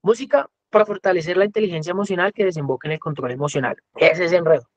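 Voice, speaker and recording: A music teacher with a Colombian accent gives an educational talk as a guest speaker, lecturing conversationally and often acting out quoted voices. His voice is high-pitched and he talks fast. The recording is dry.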